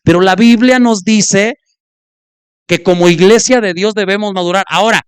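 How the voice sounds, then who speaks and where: A man preaching, with a fairly high, clear, resonant voice. He acts out little dialogues and leaps up and down in pitch to make his points. The sound is dry and close. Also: normal speed, no echo. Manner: illustrates points by acting out spoken exchanges, with sudden pitch jumps. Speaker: pastor. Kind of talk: sermon.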